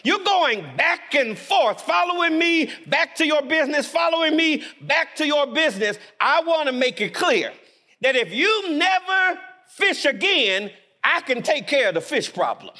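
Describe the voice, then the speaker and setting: A man voicing Jesus reassuring a fisherman, in slow, emphatic declarations. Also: very high voice, very animated, sharp tone, voice pushed up, full character voice.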